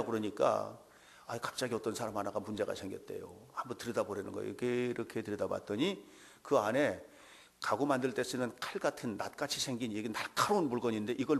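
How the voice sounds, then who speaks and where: A male pastor preaching a sermon to his church, telling stories dramatically and swinging from hushed asides to loud exclamations. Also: fairly low pitch, gravelly. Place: church sanctuary.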